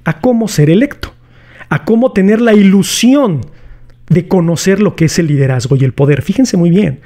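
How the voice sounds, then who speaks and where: Mellow Mexican man explaining philosophy. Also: sits high, lively intonation, normal speed. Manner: chatty, slangy, poses rhetorical questions to viewers. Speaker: philosophy video host. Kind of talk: casual explanatory lecture.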